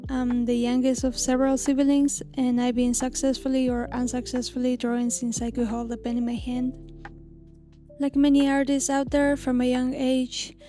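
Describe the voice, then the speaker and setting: Mellow-voiced woman narrating over lo-fi music. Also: high voice, flat delivery, normal speed. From Argentina. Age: 30s. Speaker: illustrator and channel host. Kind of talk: scripted storytime narration. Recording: lo-fi music bed under voice.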